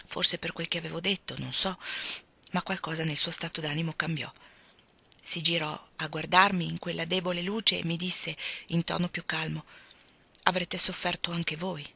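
A woman reading a novel aloud in the first person with measured, expressive storytelling. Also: fairly low pitch, creaky, breathy edge. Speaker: audiobook reader.

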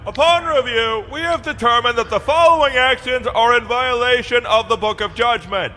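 A cold male enforcer announcer delivers formal, clipped judgments. His voice sits very high and sharp. It rings with a long echo, as if in a big hall, over a faint hiss. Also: normal speed. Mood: cold official. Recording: echoey hall with faint noise.

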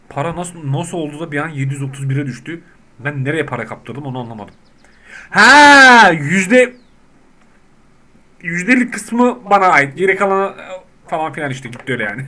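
A man giving casual, excitable gameplay commentary, reading out game text and yelling at the characters on screen. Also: fairly high pitch. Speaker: gaming YouTuber.

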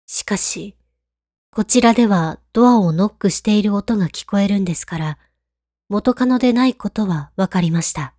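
A woman reading a scripted horror story in a hushed, calm, creepy storytelling manner. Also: mid-range voice, moderate pace, dry recording, clean studio sound. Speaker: ghost story narrator.

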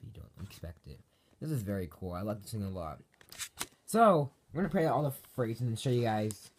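Very animated and a little fast, a man with a lowish voice reviews Halloween props on his own channel. His unscripted talk rambles and repeats, with frequent self-corrections. It's recorded as an amateur home video with background noise.

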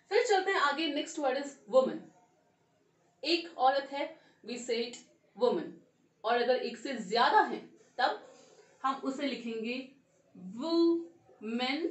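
A woman's voice: sits high, roomy sound, distant mic. A woman teaching English grammar with an Indian accent, mixing Hindi and English, spelling words out letter by letter and quizzing her listeners. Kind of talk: grammar lesson.

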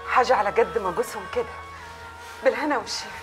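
An actress playing a bustling, deferential village housewife with an Upper Egyptian accent in a television drama. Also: female voice, fairly high pitch, very fast, close to an everyday voice. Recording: music behind the voice. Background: music.

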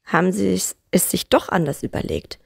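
A woman's voice: lowish voice, moderate pace, gravelly, husky, no room sound, studio quality, full character voice. A woman reading the lines of a charming, joking young man in an audiobook story. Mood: teasing.

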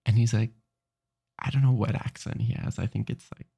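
A man's voice: fairly low pitch, steady tone, normal speed, vocal fry, mellow, slightly rough. A sleepy man streaming late at night, rambling and restarting his sentences as he chats. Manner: rambling, self-interrupting, tired.

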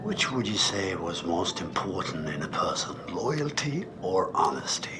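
An actor playing a sinister middle-aged male therapist in a horror game, deliberate and theatrical, dropping into hushed tones. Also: low voice, very animated. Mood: intense, probing. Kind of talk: dramatic horror game acting. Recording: music under the voice.

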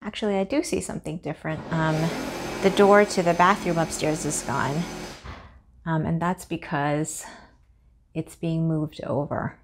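A woman's voice: low voice, unhurried. A young woman casually narrating a walkthrough of her home under renovation, filmed on a handheld phone with construction noise behind. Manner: chatty, relaxed narration while walking. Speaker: homeowner vlogger. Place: townhouse under construction, indoors. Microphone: handheld phone camera.

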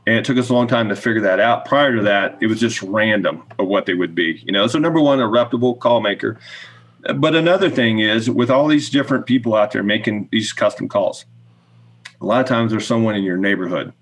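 A middle-aged man giving casual, plain-spoken explanations as an interview guest on a podcast. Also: medium pitch. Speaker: podcast guest, goose call maker. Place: small indoor room with wooden shelves, on video call.

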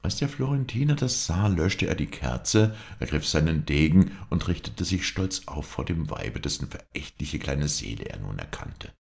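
A man narrating a classic tale as an audiobook reader, with expressive storytelling. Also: extremely low pitch, normal speed, creaky, few pauses.

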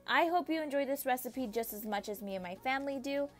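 A woman's voice: high-pitched, expressive, fast talker, faint music behind. A woman narrating a step-by-step cooking tutorial as the channel host, giving friendly, repetitive instructions straight to the viewer. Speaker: home cook and channel host.

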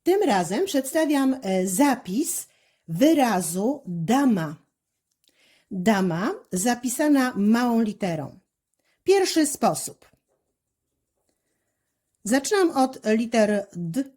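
Woman, teacher, slow careful delivery, mellow tone, handwriting lesson narration. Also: fairly high pitch, big pitch swings.

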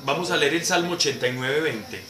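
Male Bible teacher explaining to a class, somewhat high voice, heard from a distance in an echoey, noisy room. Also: lively intonation, fairly quick. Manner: explanatory, answers questions, repeats words for emphasis.

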